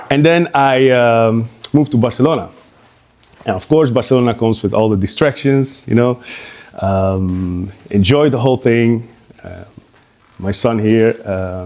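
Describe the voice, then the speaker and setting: A man from Curaçao giving an informal live talk as a guest speaker at an art exhibition. He speaks in a halting, conversational way and often restarts his sentences. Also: mid-range voice, a little mellow.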